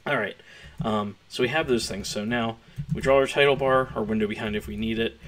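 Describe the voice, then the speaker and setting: Man, hoarse gravelly voice, a bit low, chatty coding tutorial, thinking aloud. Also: steady tone, brisk, a bit bright. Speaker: programmer streaming a coding tutorial. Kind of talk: casual live-coding walkthrough. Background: keyboard typing.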